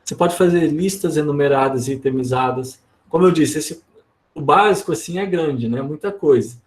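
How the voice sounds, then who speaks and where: A man's voice: fairly high pitch, moderate pace. A man giving an online workshop lesson in Brazilian Portuguese, explaining casually and often checking in with tag questions. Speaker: instructor.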